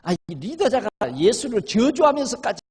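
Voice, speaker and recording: Male pastor, sermon, husky gravelly voice, lively swooping pitch, reverberant church hall. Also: normal speed. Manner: emphatic preaching with sudden loud and quiet turns. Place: church sanctuary.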